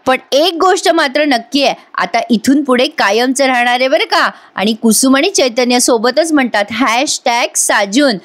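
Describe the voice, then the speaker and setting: A woman's voice: sits high, animated, moderate pace, hardly any pauses, a bit bright. A woman narrating a voice-over recap of a TV serial, chatting with her viewers and acting out the characters' lines. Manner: retells scenes and acts out each character's lines; chatty, addresses viewers directly. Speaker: TV serial reviewer.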